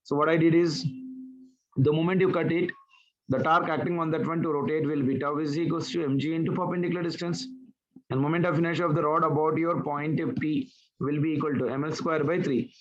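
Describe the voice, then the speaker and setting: A man's voice: fairly high pitch, fairly even intonation, a little fast, lo-fi sound. Man teaching physics on a call. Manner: talks students through steps, asks questions back. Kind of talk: online class explaining problems. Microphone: online class call.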